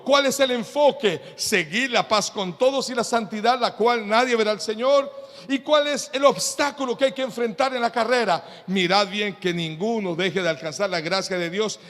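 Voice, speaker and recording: A man preaching as a pastor in a church, animated and telling humorous anecdotes. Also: high voice. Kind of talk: sermon. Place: church in Panama. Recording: echoey church hall.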